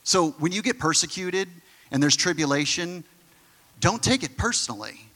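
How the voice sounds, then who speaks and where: A man delivers a sermon in a bright, forceful, fairly high voice. His style is animated and conversational, packed with quick asides. Long reverb rings around him, as in a big hall.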